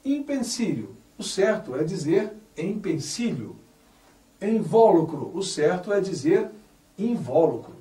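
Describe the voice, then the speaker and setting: A man's voice: sits high, lively intonation, a little slow, mellow. A man teaching a Portuguese grammar lesson, reading example sentences and stressing each correct form with care. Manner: spells out words carefully, stressing correct forms. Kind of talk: slow, deliberate grammar lesson. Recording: echoey room, voice somewhat far from mic.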